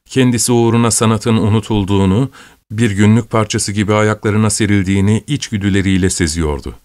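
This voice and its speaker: A man narrating a classic novel in a measured, literary, unhurried manner. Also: lowish voice, steady tone, darkish tone. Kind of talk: scripted audiobook narration.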